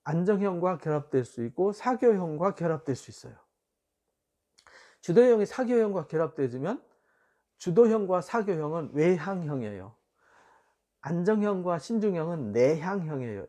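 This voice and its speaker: A pastor gives a church teaching session in a mellow voice that sits a little high for a man. He explains patiently, filling pauses with short hums and soft chuckles. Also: animated. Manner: explanatory, with frequent fillers and light laughs. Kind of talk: church education lecture.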